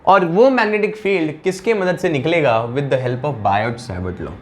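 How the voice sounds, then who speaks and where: A man's voice: a little high, lively intonation, a little slow, slight background noise. A man teaching a physics lecture in a conversational way, often repeating phrases and asking the class for a yes or no.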